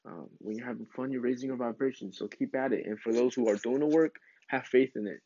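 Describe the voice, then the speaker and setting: A man's voice: mid-range voice, fast talker, warm tone, no room sound. A man giving a casual, encouraging spiritual pep talk in an informal, rambling way, as a self-help vlog host. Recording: dull lo-fi sound.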